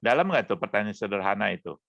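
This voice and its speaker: A hoarse male pastor teaching an online session, coaxing answers from participants with questions. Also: fairly low pitch, expressive, fast talker, a bit bright, no echo, muffled recording. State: hoarse throat. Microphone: online meeting mic.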